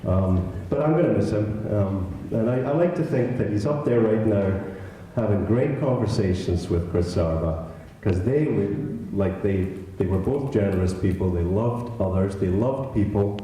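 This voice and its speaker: A middle-aged Scottish man giving a halting, lightly humorous memorial speech, with many fillers and restarts. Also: on the low side, lively intonation, dark tone, a little hiss or hum. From Scotland. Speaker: eulogy speaker. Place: village hall. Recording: echoey hall from far off.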